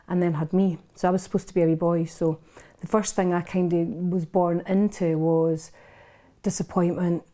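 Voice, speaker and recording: Scottish woman in her 50s, podcast guest, blunt and open, lowish mellow voice, lots of restarts. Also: flat delivery, normal speed. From Scotland. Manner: frank and unguarded, with frequent restarts. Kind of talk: candid personal storytelling in a casual interview.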